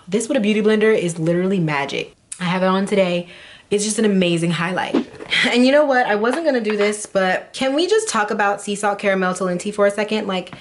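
A young adult woman vlogging casual beauty product reviews in a gushing, dramatic, playful way. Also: medium pitch.

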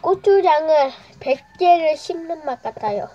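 A woman's voice: high voice, animated, moderate pace, mellow, highs cut off. A woman vlogging a mukbang in a casual, chatty way, gasping from spicy food. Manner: chatty, reacting to the heat. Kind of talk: casual eating vlog.

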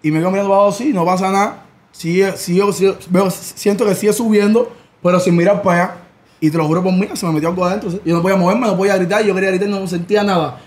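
A young Cuban man with a Cuban accent, telling stories in a casual chat. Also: high-pitched. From Cuba. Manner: animated, rapid storytelling. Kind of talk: casual storytelling.

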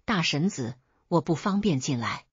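A woman's voice: sits low, animated, moderate pace, slightly rough, no room sound, muffled recording, heavily acted. A woman voicing a kind-hearted young village man who stammers and turns shy with his sister-in-law, in a storybook reading. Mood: hesitant.

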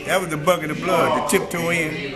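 An older man talks in a blunt, plainspoken way, his voice sitting a little high. He sits close to a camera in a small room. Heavy crowd chatter fills the background. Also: steady tone, fairly quick. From Detroit, USA. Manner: blunt, plainspoken, salty with slang. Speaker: interviewee recalling his old neighborhood. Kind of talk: casual reminiscing interview.

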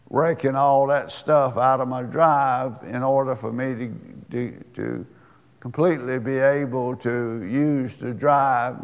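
A man preaching a sermon, telling a homely story in a slow, folksy way before turning to scripture. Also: mid-range voice, long reverb tail. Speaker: pastor.

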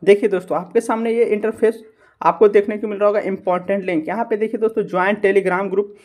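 A man's voice: high-pitched, fairly even intonation, fast, a little mellow. A man hosting a screen-recorded tutorial, talking viewers through steps and often asking and answering his own questions. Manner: repeatedly addresses viewers as friends, asks and answers own questions. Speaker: YouTube channel host.

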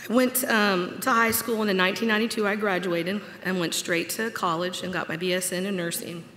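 A woman in her forties gives a graduate's commencement speech at a podium on a large auditorium stage, reading from notes in an earnest, personal way with light humor. Her mid-range voice is fairly bright, fairly quick, and fairly even in intonation. The podium microphone picks up a little hiss or hum, and the hall is echoey with long reverb.

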